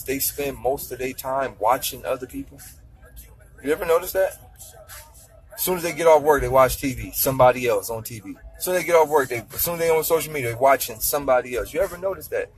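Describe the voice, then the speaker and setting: A money-advice vlogger in his thirties talks briskly in a mid-range voice, ranting casually and motivationally to camera. He's blunt and profane, lecturing and repeating himself to drive points home, while faint music plays behind the poor-quality audio.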